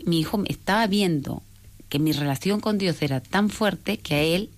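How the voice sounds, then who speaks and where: A woman with a notably low voice tells a personal story of faith as an interview guest. She speaks earnestly and searchingly, circling back and correcting herself as she goes. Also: moderate pace.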